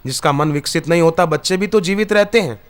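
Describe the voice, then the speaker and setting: A man's voice: fairly high pitch, fast, clean tone. A man preaching a spiritual discourse to an audience, telling scripture stories with emphatic rises and quoted verses. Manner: storytelling with scriptural quotes, rising emphatic delivery. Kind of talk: Hindi satsang discourse. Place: discourse hall before an audience.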